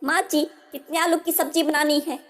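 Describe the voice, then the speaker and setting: A woman's voice: sits high, level tone, normal speed, lightly acted. A woman voicing a polite, dutiful young newlywed daughter-in-law in a storybook tale. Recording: long hall reverb.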